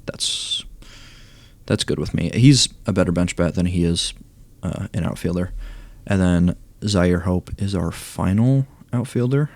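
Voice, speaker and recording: A young man commenting casually on a baseball video game, reading stats aloud and thinking out loud, hoarse as he loses his voice. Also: sits low, a little slow, dry recording. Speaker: gaming YouTuber ranking cards.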